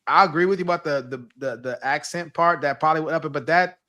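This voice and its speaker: A man co-hosting a casual commentary panel, explaining points earnestly with halting restarts. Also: fairly high pitch, sharp tone.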